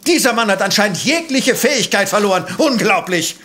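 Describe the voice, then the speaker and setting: High-voiced, pompous Professor Van Dusen. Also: male voice, expressive, fairly quick, bright, forceful tone. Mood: scornful. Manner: precise, pompous, analytical. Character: exacting, self-assured male professor and amateur sleuth. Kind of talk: German audio drama acting.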